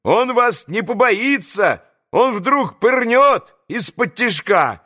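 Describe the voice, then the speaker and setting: A man voicing a gang of schoolboys who jeer and shout while throwing stones, in an audiobook. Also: moderate pace. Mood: jeering excited. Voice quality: shrill shouting.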